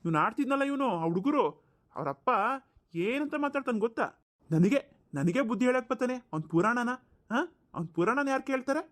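A man's voice: very high-pitched, expressive, brisk, a bit bright. A man playing a harsh, abusive father in a cartoon, scolding and sneering with mocking laughs. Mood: scornful scolding. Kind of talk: cartoon voice acting.

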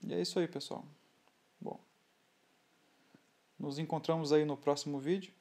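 A man with a Brazilian Portuguese accent explaining scale model building in a relaxed, halting way, often restarting his sentences. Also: fairly high pitch. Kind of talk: hobby tutorial voice-over.

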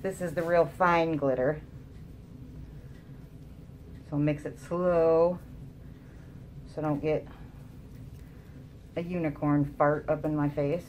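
A woman's voice: deep voice, steady tone, takes it slowly, long pauses, a little mellow, slight background noise. A woman casually narrating a craft tutorial, her voice muffled by a mask over her mouth. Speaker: resin craft demonstrator.

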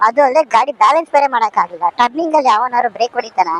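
A man's voice: very high voice, animated, rapid-fire, bright, forceful tone, pitched above the performer's own voice, heavily acted, low-quality recording. A man voicing a cheeky talking motorbike that scolds its rider in a comic motovlog sketch. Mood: scolding. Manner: bossy, scolding, talks back.

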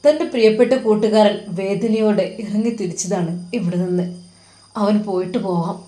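A woman narrating an emotional story in a slow, tender, dramatic way. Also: medium pitch, warm tone.

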